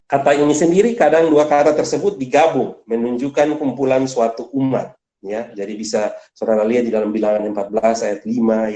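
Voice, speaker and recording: Man teaching in an echoey room. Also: warm tone. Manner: explains step by step, often adds a questioning "ya"; stresses key words, rising sharply in pitch. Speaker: Bible study teacher. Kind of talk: church teaching session.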